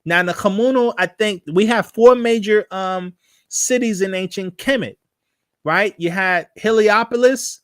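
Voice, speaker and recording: A man hosting a live stream, teaching and answering viewer questions, often repeating himself and slowly chanting invocations. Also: high voice, fairly bright tone, clean tone, no echo. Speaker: host of a live religious show.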